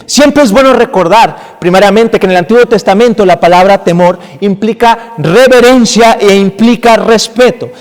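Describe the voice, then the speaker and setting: A man's voice: high-pitched, moderate pace, hardly any pauses, long reverb tail. A man preaching an earnest sermon as pastor, calling the congregation brothers. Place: church sanctuary.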